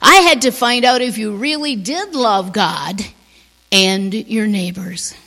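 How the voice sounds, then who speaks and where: A wise king speaks calmly and plainly, with no flourish, in the voice of a woman preaching from the pulpit. The pace is slow and unhurried. A long reverb rings through the church behind the words. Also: mid-range voice, gravelly, heavily acted. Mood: explaining. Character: wise old king who tested his heir.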